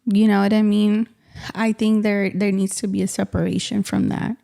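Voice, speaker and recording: A woman with a mellow, warm-toned voice talks as a podcast co-host. She speaks in an animated, conversational way at a middle pitch, often checking in with "you know what I mean" and "man". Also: moderate pace, vocal fry. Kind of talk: casual chat.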